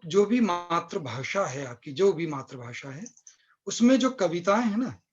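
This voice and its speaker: An Indian man gives a live online English lesson in a voice set fairly high for a man. He moves between Hindi and English and slows down on the words he explains. The sound is dull and lo-fi, the way a web call sounds. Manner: mixes Hindi and English, explains slowly, recites poetry with feeling. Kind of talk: live online class lecture.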